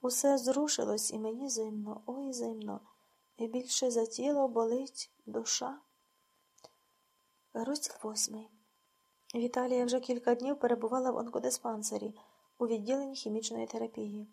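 A woman reads a novel aloud in quiet, restrained audiobook narration. Her voice sits a little high but sounds dark and mellow, with a creaky, husky edge. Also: steady tone, moderate pace. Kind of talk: scripted narration.

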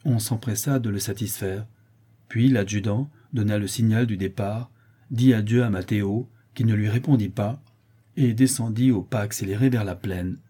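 A man narrating a classic tale in a measured, storytelling way. His voice sits a little low, with a mellow, dark timbre and a husky edge. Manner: measured storytelling, voicing characters in dialogue. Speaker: audiobook narrator.

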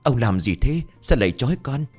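A man's voice: medium pitch, big pitch swings, a little fast, a little mellow, husky, soft background music, pitched above the performer's own voice. A man voicing an anxious middle-aged village mother, pleading and tearful. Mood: frantic.

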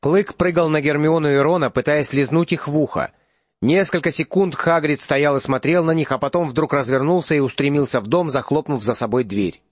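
A man narrating an audiobook in an even, steady storytelling manner. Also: fairly high pitch, brisk, no echo, dull audio. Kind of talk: scripted narration.

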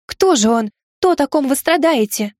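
A woman's voice: sits high, expressive, moderate pace, dry recording, clean studio sound, voice pushed up. A woman voicing a plump, eager young maid who gushes breathlessly and lives for love stories. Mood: gushing, eager. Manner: breathless, exclaiming, gasping. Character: eager gushing young maid, romance-hungry.

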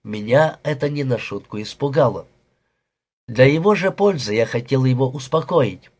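A man reading first-person narration for an audiobook in a measured, steady way. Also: medium pitch.

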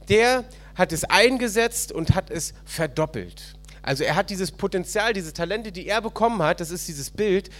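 This high-pitched man is a pastor delivering a sermon during a church service. He animates a parable as he retells it and throws questions out to the congregation.

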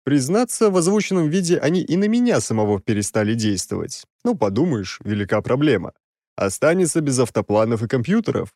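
A man's voice: mid-range voice, very animated, a little fast, warm tone, no echo. Wry male audiobook narrator, dry sound. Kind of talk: scripted first-person narration.

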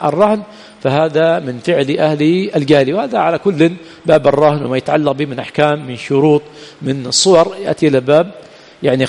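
A man's voice: fairly high pitch, creaky, darkish tone. A man teaching religious law as a sheikh, who keeps putting rhetorical questions to his students and answering them himself. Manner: keeps asking "what?" and filling in the answer himself. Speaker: sheikh teaching Islamic jurisprudence. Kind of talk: lecture with call-and-response questions. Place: teaching center hall. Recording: long hall reverb.

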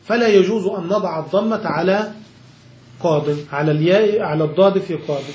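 A man with a high voice teaches grammar to a student, restating every point in simpler words and checking that it landed. The room is echoey. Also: a little fast, a little mellow. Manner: patient, repeats and rephrases each point, checks understanding. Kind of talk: explaining a grammar text to a student.

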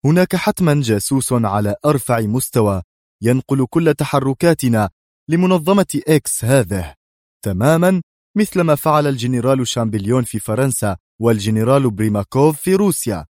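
A man's voice: fairly low pitch, brisk, a little mellow, no room sound, clean studio sound, natural voice. A man voicing a stern, commanding male defense secretary who speaks curtly and severely in an audiobook thriller. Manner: curt and severe.

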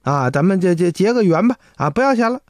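Man doing a fawning old innkeeper, shaky stammer, high and lively. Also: quick pace, dry recording, studio quality. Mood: pleading. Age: older. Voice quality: stammering, pleading.

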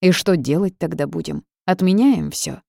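A woman's voice: sits low, normal speed, gravelly, warm tone, no echo, studio quality, heavily acted. A woman voicing a timid, fussy male barn spirit who talks meekly and plaintively. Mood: flustered. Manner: meek, flustered, plaintive.

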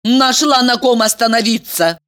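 A woman's voice: very animated, normal speed, fairly bright tone. A woman voicing a bossy, scheming young woman who scolds and shrieks at her friend. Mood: scolding, shrill. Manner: shrill, scolding, sarcastic.

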